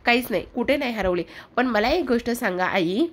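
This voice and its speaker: A woman voicing a gentle, wistful young daughter-in-law in a retold serial, speaking softly and pleadingly. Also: fairly high pitch, lively intonation, a little fast.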